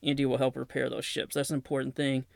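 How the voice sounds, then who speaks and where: With a medium, creaky voice that barely moves in pitch, a Southern man moves quickly through defense news on his podcast. He reads press releases aloud, tossing in plain remarks along the way, and there's no echo on the recording.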